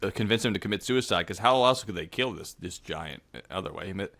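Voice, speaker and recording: A man's voice: low-pitched, expressive, fast talker, fairly bright tone. A young man co-hosting a podcast, telling stories animatedly and jokingly mimicking voices. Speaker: podcast co-host. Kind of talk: casual chat.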